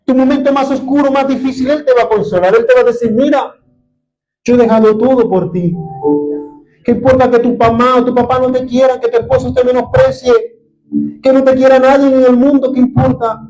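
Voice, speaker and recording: Un hombre predicando un sermón con acento venezolano, apasionado, que pasa de hablar bajo a alzar la voz. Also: male voice, extremely high pitch, flat delivery, fast talker, soft background music, poor audio. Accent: Venezuelan Spanish. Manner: impassioned, swings from soft to loud. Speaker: preacher. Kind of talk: sermon.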